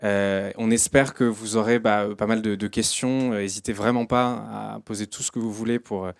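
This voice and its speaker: A man hosting an event, giving an informal introduction in a hesitant, halting way. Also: lowish voice, fairly even intonation, creaky, no echo, studio quality. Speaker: event host introducing a speaker.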